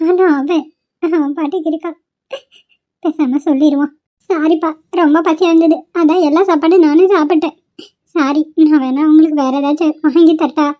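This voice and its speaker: A woman's voice: high-pitched, fairly even intonation, normal speed, dark tone, natural voice. A woman voicing a withdrawn, worried young female student in a homemade cartoon, answering curtly.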